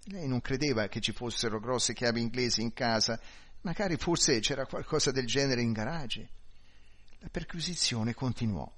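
Brief: male audiobook narrator; calm, measured storytelling. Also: medium pitch. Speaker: audiobook reader.

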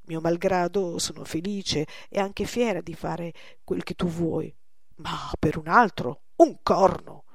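A woman's voice: on the low side, fairly even intonation, measured pace, creaky, no room sound, studio quality. A woman voicing a young woman in love, earnest and spirited. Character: young woman, proud and devoted lover.

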